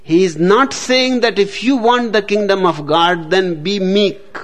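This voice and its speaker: Man, spiritual teacher, slow deliberate discourse, fairly high voice. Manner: slow, deliberate, dramatic pauses, tells jokes.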